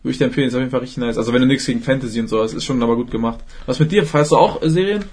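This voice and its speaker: A man's voice: mid-range voice, rapid-fire, a little mellow, breathy edge. A young man hosting a podcast in casual, slangy chat, laughing often. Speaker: podcast host.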